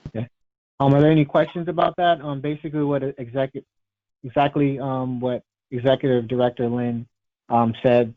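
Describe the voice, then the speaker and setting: A man's voice: medium pitch, level tone, brisk. A man on staff answering questions at a virtual board meeting, hesitant with many ums. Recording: muffled video call audio.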